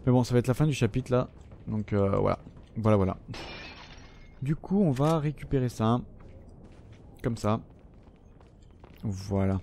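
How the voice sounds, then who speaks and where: A man's voice: mid-range voice, unhurried, creaky, pauses often, mellow. A man in a mid-range voice gives loose, chatty gameplay commentary and swears freely. He talks straight to the enemies on screen. Faint noise sits under the recording. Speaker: gaming channel host.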